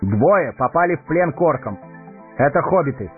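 A man's voice: on the high side, animated, normal speed, pitched above the performer's own voice, natural voice. A man voicing a noble warrior heir, raised voice. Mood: stern. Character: noble brave male warrior heir to a throne. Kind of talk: audiobook character voice. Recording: tinny narrow-band recording, faint music.

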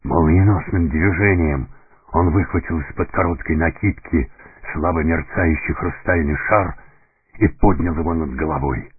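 A man narrating a fantasy story in deliberate, dramatic scripted audiobook style. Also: very deep voice, husky, dry recording. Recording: narrow phone-like sound, faint music.

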